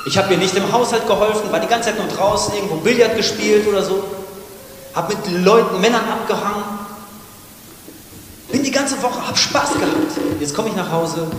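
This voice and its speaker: A man with a northern German accent preaches with passion, his fairly high voice pressing hard, then sinking to a near-hush. The sound rings through a long, echoing church hall. A faint hiss sits under the recording. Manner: impassioned preaching that swings between loud urging and hushed, soft passages. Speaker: pastor. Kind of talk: sermon. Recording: echoey reverberant church hall with faint noise.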